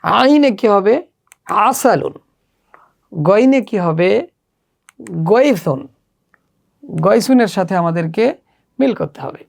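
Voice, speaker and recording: A woman's voice: medium pitch, animated, gravelly, darkish tone. A woman with a Bangladeshi accent teaching children Arabic letters step by step, stretching and repeating each sound. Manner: slow, drawn-out pronunciation drills, repeating letters. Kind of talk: step-by-step lesson.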